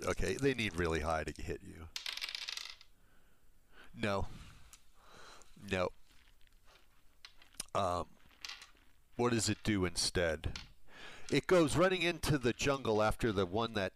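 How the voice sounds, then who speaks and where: A man running a tabletop game, unhurried and musing as he works out each ruling. His voice sits low. A faint hiss rides under the home mic. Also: animated, fairly bright tone. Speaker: game master. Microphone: home headset or desk mic, level jumping.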